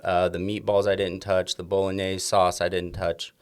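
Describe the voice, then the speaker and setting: A man's voice: sits low, level tone, moderate pace, clean tone. A man, a chef and restaurant owner, talking casually in a podcast interview, rambling with many restarts and fillers.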